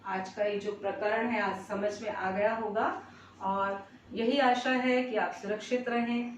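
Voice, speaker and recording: A woman teaching a Hindi grammar lesson, explaining deliberately with frequent filler phrases and reciting verse examples slowly. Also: medium pitch, steady tone, a little hiss or hum. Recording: roomy, distant mic.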